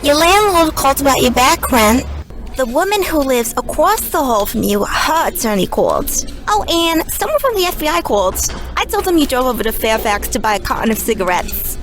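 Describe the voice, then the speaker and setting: Woman acting a high-pitched, swooping noir secretary. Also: big pitch swings, a little fast, a bit bright, faint music behind. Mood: chirpy, businesslike. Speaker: actress playing a secretary. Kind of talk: film noir parody audio drama.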